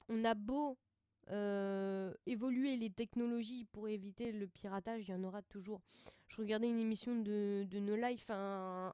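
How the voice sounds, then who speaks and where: A woman's voice: mid-range voice, warm tone, no echo, studio quality. A woman hosting a casual web radio show, rambling and hesitant with many fillers and easy laughs. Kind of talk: casual live radio chat.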